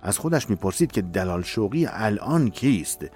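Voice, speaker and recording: A man reading a dramatic novel aloud in a measured, emotive storytelling voice. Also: on the low side, big pitch swings, darkish tone, faint music behind. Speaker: narrator. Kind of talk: dramatic audiobook narration.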